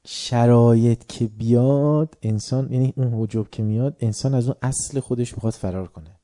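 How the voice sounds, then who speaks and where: A middle-aged man from Tehran preaching to a seated crowd, his voice mellow and warm. He drops into quiet, drawn-out musing, then flares up loudly to put a pointed question to the room. His delivery feels unhurried and conversational, like a teacher leading his listeners step by step. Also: mid-range voice. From Tehran, Iran. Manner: questions the audience, shifts between quiet musing and sudden loud bursts. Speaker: religious lecturer. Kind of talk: sermon to a live audience.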